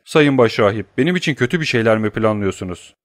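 A man's voice: lowish voice, lively intonation, fast talker, no room sound, clean studio sound, natural voice. A man voicing a cowardly, scheming thief who whines and pleads in an audiobook reading. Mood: pleading. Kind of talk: audiobook character voice.

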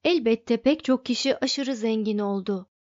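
A woman narrating an audiobook in a measured, even manner, her voice sitting a little high. The recording is dry with no room sound and slightly dull in tone. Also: no room sound.

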